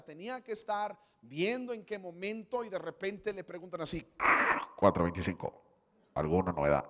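A man with a Mexican Spanish accent preaching a comedic sermon, animatedly acting out the story. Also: sits high. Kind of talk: comedic sermon with acted scenes. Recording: long hall reverb.

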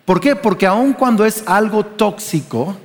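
A man's voice: high-pitched, lively intonation, measured pace, big-room sound. A man with a Mexican Spanish accent preaching a sermon as pastor, conversational and often asking the congregation questions.

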